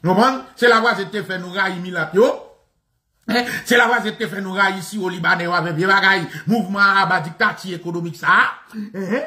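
A Haitian man with a Haitian Creole accent delivers a mocking political monologue that keeps circling back on the same phrases. His voice sits high and rings bright and forceful. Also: fast talker. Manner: animated and mocking, repeats phrases, often laughing.

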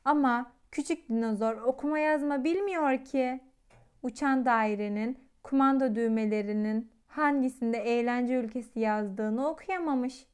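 A woman reading a children's storybook aloud with gentle, expressive telling. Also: a little high, a little slow, smooth.

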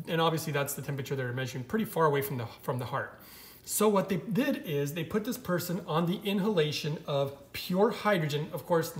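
A man's voice: fairly high pitch, roomy sound. A man talking off camera as a vlogger, enthusiastically walking viewers through images on a screen and calling them "guys.".

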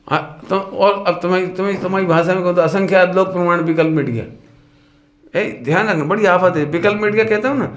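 Lively preaching man in an echoey hall. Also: on the high side. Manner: lively, questioning, sometimes sings verse lines. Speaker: religious teacher. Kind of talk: sermon. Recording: echoey hall with some noise.

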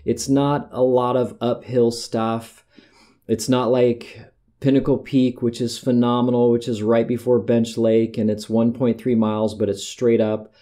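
A man's voice: medium pitch, level tone, measured pace, dark tone. A middle-aged American man talking casually about hiking in a rambling, conversational monologue, often correcting himself mid-sentence. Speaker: podcast host.

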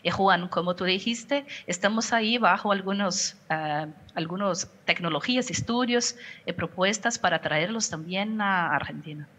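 Her voice slightly low but a touch bright, a Brazilian company communications director in middle age responds to a panel interview in Portuguese-accented Spanish. Indoors at her home office on a video call with a headset, she chooses her words with care, hesitating and restarting often.

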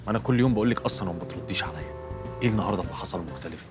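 A chatty Egyptian man, played by an actor, pries and rambles in a lowish voice at a rapid clip. Music sits clearly behind him. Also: natural voice. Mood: nosy. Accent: Egyptian Arabic. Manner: nosy, chatty, sentimental.

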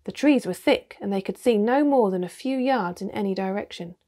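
A woman reading a children's storybook aloud, with steady, expressive narration. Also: mid-range voice, a little fast. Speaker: reader.

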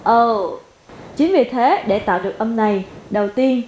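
A woman with a Vietnamese accent teaching English pronunciation, repeating each word slowly and deliberately for practice. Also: on the high side, lively intonation, warm tone. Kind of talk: pronunciation lesson. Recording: echoey room with faint noise.

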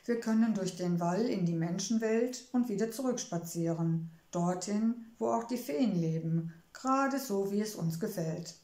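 Woman reading as a gentle motherly gnome wife. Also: mid-range voice, unhurried, few pauses, natural voice. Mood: wistful. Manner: gentle, wistful, soothing. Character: kindly motherly female gnome, homebody. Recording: roomy echo.

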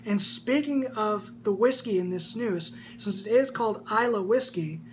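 A man's voice: sits high, normal speed. A man in his twenties giving a casual, enthusiastic product review, recorded indoors on a camera. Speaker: snus reviewer. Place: small room indoors. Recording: faint background hum.

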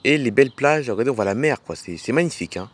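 A man's voice: medium pitch, lively intonation, quick pace, breathy edge. A man narrating a playful toy film as a dad, pointing things out to the kids with enthusiasm.

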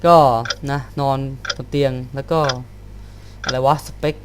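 A man commentating a horror game as he plays, jumpy, swearing and shouting when startled, and talking to the game characters. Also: medium pitch, level tone, takes it slowly, background noise. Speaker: let's play gamer.

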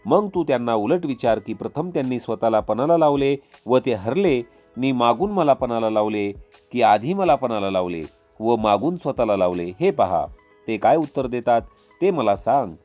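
A man's voice: medium pitch, expressive, normal speed, a little mellow, soft background music, close to an everyday voice. A man voicing a proud, defiant queen. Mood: firm, defiant. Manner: firm, questioning. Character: proud distressed young queen, courageous.

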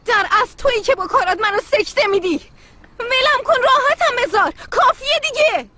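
A woman's voice: very high-pitched, expressive, background noise. An actress dubbing a distraught young woman who argues tearfully with her mother, in a TV drama dub. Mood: defiant. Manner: tearful, defiant outbursts. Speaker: daughter arguing with her mother. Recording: dubbed voice over loud music.

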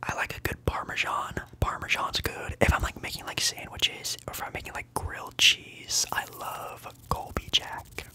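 The tone is sharp, the pace moderate, and pauses are few. It's a young adult ASMR streamer whispering casual replies to live viewers, full of filler words and repeated triggers.

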